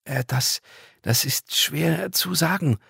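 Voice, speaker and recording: A man voicing an ancient, polite female angel who speaks gently and pleads for help. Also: on the high side, slow, gravelly, husky, dry recording, clean studio sound, voice pushed up, heavily acted. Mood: pleading.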